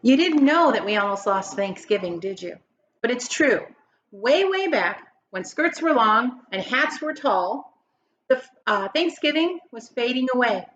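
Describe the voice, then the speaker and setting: In this expressive story read-aloud, a woman with a voice on the high side and a slightly bright tone reads a children's picture book like a teacher. She goes a little slowly, with lively intonation, emphatic drama and questions for her listeners. The recording's highs are cut off.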